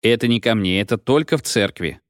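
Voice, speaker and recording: A man's voice: fairly low pitch, expressive, brisk, no echo, close to an everyday voice. A man reading an audiobook, giving a dry, irritated young man curt, grudging replies. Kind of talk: audiobook character voice.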